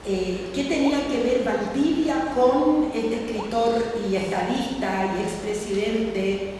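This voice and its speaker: A woman presenting a book at a book fair, talking in a halting way with many fillers and rhetorical asides. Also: a little high. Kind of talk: public talk at a book fair. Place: large hall at a book fair. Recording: echoey hall from far off, background noise.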